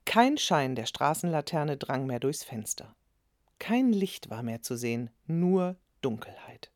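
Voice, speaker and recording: Female storybook narrator, low, lively, dry close sound. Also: unhurried, no echo. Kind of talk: storybook reading.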